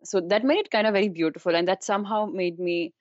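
In a dull, roomy, echoey recording, a young woman from Kashmir speaks quickly at a medium pitch. A university student with a Kashmiri Indian accent, she chats informally as a guest in a casual interview, leaning heavily on "like" and "you know."

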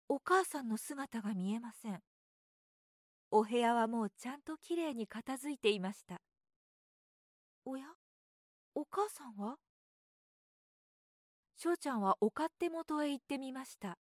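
A woman narrating a children's story in a gentle, measured reading voice. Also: on the high side, expressive, no echo, studio quality.

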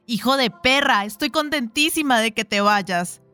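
A woman putting on a shrill, desperate young mother. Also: moderate pace, sharp tone, soft background music. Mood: bitter. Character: furious, tearful young mother clutching her baby.

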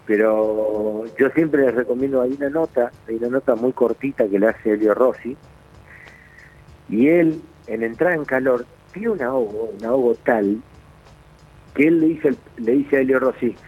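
A former footballer with an Argentine accent tells his stories as a radio guest. His voice is husky and slightly rough, and he keeps restarting and repeating words as the anecdotes pour out. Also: medium pitch, normal speed, low-quality recording. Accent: Argentine Spanish. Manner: animated anecdotes, many restarts and repetitions. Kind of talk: radio storytelling.

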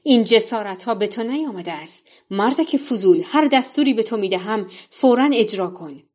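A woman's voice: mid-range voice, natural voice. A woman voicing a cruel, angry king who barks harsh orders in a told folktale. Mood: furious. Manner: shouting, commanding, harsh.

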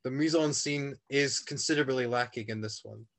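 A man co-hosting a podcast, riffing in deadpan mock-critic bits in casual comedic chat. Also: medium pitch, a little fast, vocal fry. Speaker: podcast co-host.

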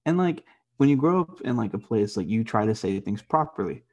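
A man's voice: medium pitch, animated, brisk, creaky, a little mellow, lo-fi sound. A young man co-hosting a podcast, telling rambling stories in casual chat, swearing a lot and laughing often. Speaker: podcast co-host.

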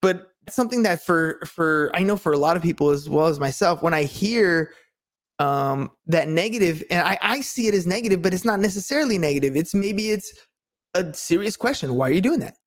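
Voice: medium pitch, animated, fairly quick. A podcast co-host talking casually and motivationally, earnest and rambling, often checking that the listener agrees.

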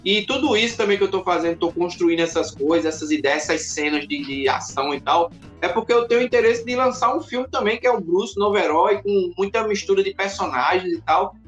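A man, a podcast guest in casual chat, who tells his stories in an animated way and acts out the scenes. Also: high-pitched, fairly quick, lo-fi sound, soft background music. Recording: roomy echoey room.

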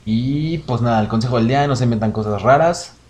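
A man's voice: mid-range voice, fairly quick, darkish tone, a little hiss or hum. A young man with a Mexican Spanish accent, co-hosting a podcast in a crude, joking casual chat. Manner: crude joking, laughs a lot. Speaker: podcast co-host.

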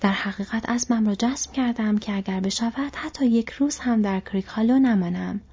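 A woman doing Frodo, a soft burdened hobbit. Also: on the high side, slightly rough. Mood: troubled. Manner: soft, troubled. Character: young male hobbit, thoughtful and burdened. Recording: dull lo-fi recording.

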